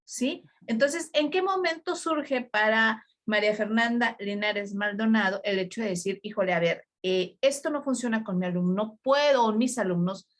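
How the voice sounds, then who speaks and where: A woman's voice: a little high, moderate pace, few pauses. A woman, hosting an interview and asking formal, somewhat hesitant questions. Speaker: interviewer, host.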